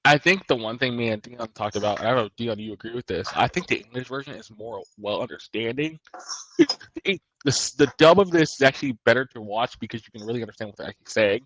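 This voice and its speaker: A man's voice: mid-range voice, fairly bright tone, no room sound, rough recording. Male co-host, casual rambly talk, dry close sound. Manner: rambling, restarts sentences often. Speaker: podcast co-host. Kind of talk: casual chat.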